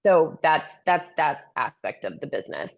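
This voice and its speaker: A woman's voice: low voice, very animated, normal speed, vocal fry. A woman speaking as a dating coach in a conversational interview, explaining things and giving opinionated advice. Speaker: dating and relationship coach, menswear stylist.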